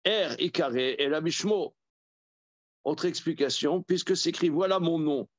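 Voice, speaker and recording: A man, a rabbi, teaching a Torah study class. He reads verses aloud, then explains them in a halting way with many repeated words. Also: fairly high pitch, no echo. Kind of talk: Talmud study lesson.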